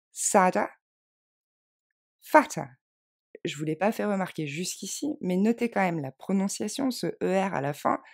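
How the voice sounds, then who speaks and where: Gravelly-voiced woman teaching grammar. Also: mid-range voice, a little mellow. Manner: clear, patient, spells out letters slowly. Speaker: English teacher. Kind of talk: French grammar lesson.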